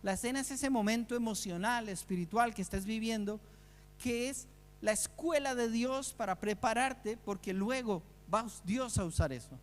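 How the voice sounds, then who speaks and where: High-voiced man preaching in a reverberant hall. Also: moderate pace. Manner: earnest preaching with rhetorical questions. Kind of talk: sermon.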